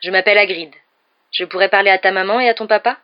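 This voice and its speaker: A woman playing a gentle kindly giant. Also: mid-range voice, steady tone, quick pace, highs cut off, lightly acted.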